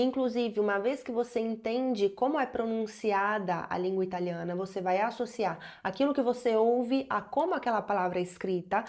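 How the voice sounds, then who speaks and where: A woman's voice: a little high, a little mellow. A Brazilian woman from Espírito Santo with a Brazilian Portuguese accent, teaching an online Italian lesson and carefully modeling each Italian word. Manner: clear, didactic, models Italian words slowly.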